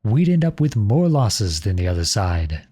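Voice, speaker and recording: Playing the banished young prince serving in the ranks, he sounds dark and husky, with a sing-song lilt over formal, measured, courteous and earnest speech. The mood is serious and strategic.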